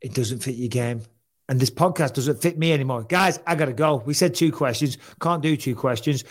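A man in his forties hosting a casual podcast, brash and quick to swear as he tells stories into a studio mic. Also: medium pitch. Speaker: podcast host. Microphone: studio mic with headphones.

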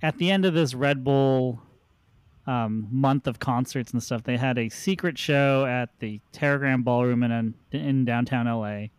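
A man hosting a podcast, telling a relaxed anecdote in casual chat and laughing along. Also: mid-range voice, unhurried, smooth, dry recording. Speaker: podcast host.

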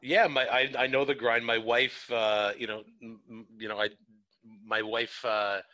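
A man's voice: mid-range voice, little pitch movement, measured pace, pushed and bright. A man co-hosting a podcast in casual chat, rambling with lots of fillers and laughing asides. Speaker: podcast co-host.

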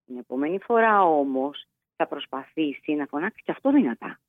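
A woman psychologist giving measured advice as a podcast guest, pausing and restarting often, heard over a phone line. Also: sits low, lively intonation, dry recording. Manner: measured, explanatory, with frequent hesitations.

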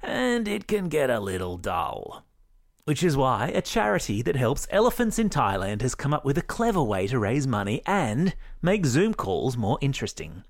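Lively Australian man reading kids' news. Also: mid-range voice, moderate pace, no echo, clean studio sound. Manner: upbeat, playful, jokey asides. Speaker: news podcast host. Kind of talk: scripted kids' news narration.

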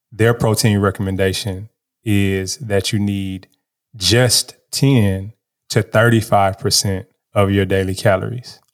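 A man co-hosting a podcast, talking in a casual, energetic and brash way and cracking jokes. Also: on the low side. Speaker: podcast co-host.

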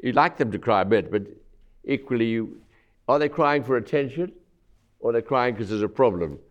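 A man's voice: medium pitch, expressive, a little fast, dull audio. An older man speaking bluntly and matter-of-factly as a guest on a discussion panel.

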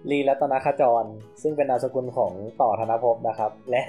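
A man's voice: medium pitch, brisk, mellow, soft background music. A man co-hosting a casual podcast, moderating a word game with polite phrasing and crude jokes. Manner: polite announcer phrasing mixed with crude joking. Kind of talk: casual chat.

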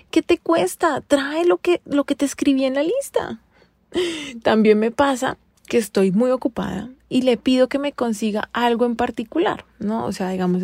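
A woman's voice: a little high, mellow, no echo. A woman in a casual monologue, venting to other women with rhetorical questions and wry exasperation. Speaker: vlogger addressing women.

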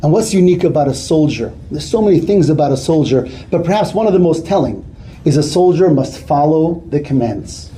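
A man giving an earnest sermon as a rabbi, weaving in a story told with lively quoted dialogue. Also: a little high, brisk, slight background noise. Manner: earnest, builds to animated retelling of quoted dialogue.

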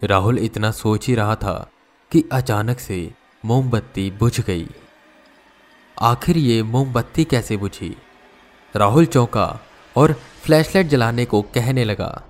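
Casting: a male horror story narrator with a low voice and an unhurried delivery. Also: darkish tone.

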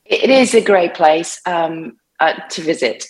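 A woman's voice: on the low side, measured pace, husky, poor audio. A woman from the north of England, a yoga instructor talking candidly and chattily as a podcast guest. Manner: candid, chatty, self-deprecating. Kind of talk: casual interview chat.

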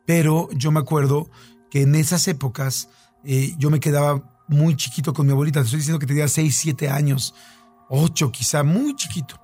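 A man's voice: fairly high pitch, steady tone, normal speed, a little mellow, breathy edge, faint music behind. A man with a Mexican accent telling a long story in casual chat, with many fillers and repeats.

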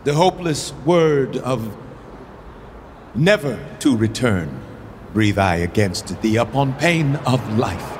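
A man's voice: mid-range voice, expressive, takes it slowly. An actor playing a young, imperious medieval king, declaiming Shakespearean verse in a regal, mercurial manner. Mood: cold. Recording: long hall reverb, background noise.

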